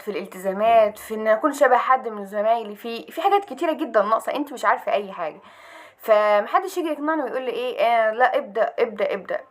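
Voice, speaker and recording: A young woman with an Egyptian Arabic accent gives a motivational talk to students, urging and coaxing them, asking questions and answering them herself. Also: a little high. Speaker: study motivation speaker.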